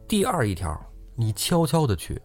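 A man's voice: medium pitch, wildly swooping pitch, normal speed, faint music behind. A man hosting a casual storytelling podcast, chatty and laughing often as he acts out the characters. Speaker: host storyteller.

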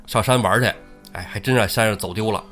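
A man's voice: lowish voice, fast, faint music behind. A man hosting a podcast, telling an old tale casually and chattily, often checking for agreement. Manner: animated, chatty, asks listener for agreement. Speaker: podcast storyteller host. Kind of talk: casual storytelling.

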